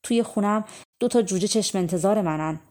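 A woman's voice: medium pitch, darkish tone, close to an everyday voice. A woman voicing wild birds in a storybook, pleading earnestly for their chicks.

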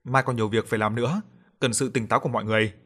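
Man reading a gentle, composed female healer in a storybook horror tale. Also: medium pitch, fairly even intonation, racing, slightly rough. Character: composed woman healer giving instructions.

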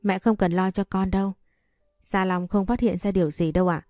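A woman's voice: medium pitch, fairly even intonation, moderate pace, a little mellow, no room sound, clean studio sound, soft background music, close to an everyday voice. A woman reading a sly young impostor wife.

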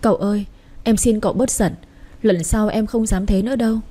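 A woman's voice: medium pitch, lively intonation, moderate pace, dark tone, close to an everyday voice. A woman voicing a meek, pleading young wife. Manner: humble and pleading. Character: meek, devoted young daughter-in-law.

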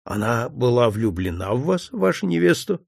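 A man voicing a calm police chief detective who speaks with dry humor. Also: mid-range voice, normal speed, gravelly, husky, no echo, pitched below the performer's own voice, heavily acted. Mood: composed. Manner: composed, dryly joking.

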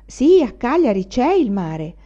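A woman reading the lines of an old, deaf male peasant in a slow, solemn way for an audiobook. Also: on the high side, very animated, mellow, pitched above the performer's own voice. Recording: dull lo-fi recording.

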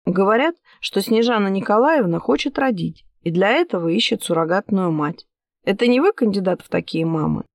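A cool, probing middle-aged detective, read by a woman narrating an audiobook. He asks his questions in a measured, level way and never raises his voice. The sound is dry and close. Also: medium pitch, expressive, no room sound.

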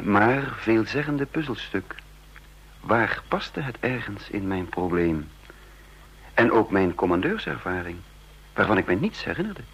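In a radio drama, a man with a lowish, husky, exaggerated voice plays an uneasy secret agent narrating his own puzzle in the first person. He sounds brooding, hesitant, and self-questioning, and the recording is a dull, lo-fi old radio capture.

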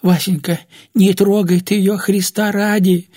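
A man voicing a frantic old woman who pleads and shrieks in a strangled, hoarse voice. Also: flat delivery, unhurried. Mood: pleading. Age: older. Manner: shrill pleading and yelling. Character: panicked old woman, housekeeper, fussy.

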